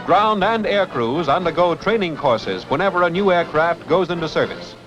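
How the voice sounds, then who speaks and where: Brisk old newsreel announcer, muffled. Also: male voice, fairly high pitch, lively intonation. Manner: brisk, declamatory announcer delivery. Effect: old newsreel sound. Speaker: newsreel narrator. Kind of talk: 1950s newsreel narration. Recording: muffled lo-fi newsreel audio with music. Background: music score.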